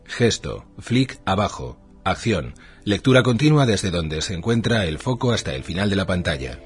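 Guy with a lowish voice reading a manual, formal short items, pretty up and down intonation, bit of music under it. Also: very animated, moderate pace, slightly rough. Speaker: narrator of an instruction manual. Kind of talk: scripted instructional narration.

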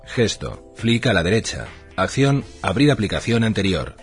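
Guy with a lowish voice reading a manual, formal short items, pretty up and down intonation, bit of music under it. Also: very animated, normal speed. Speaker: narrator of an instruction manual. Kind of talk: scripted instructional narration.

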